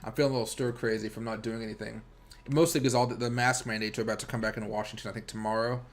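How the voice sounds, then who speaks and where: A crypto trader from America runs a livestream, chatting loosely and rambling as he talks straight to his viewers in an informal way. His voice sits on the low side, with a level tone and a racing pace.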